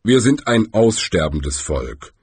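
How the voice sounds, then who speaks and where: A man voicing a huge, gloomy male troll who speaks slowly and deliberately. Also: big pitch swings, a little mellow, slightly rough, no room sound, exaggerated voice. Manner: slow, deliberate and rumbling.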